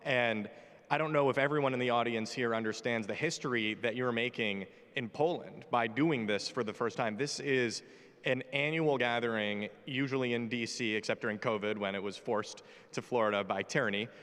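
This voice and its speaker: On a large conference hall stage, an American man in his twenties speaks on a panel with brash, joking, opinionated energy. His mid-range voice moves at a moderate pace and sounds a bit bright and smooth. The hall is reverberant.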